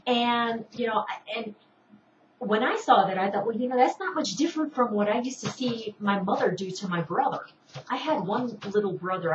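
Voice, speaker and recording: A woman's voice: mid-range voice, a little hiss or hum. A middle-aged woman hosting an online show, telling personal stories in a rambling way with many restarts. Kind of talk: casual personal storytelling. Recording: distant, roomy, dull home recording.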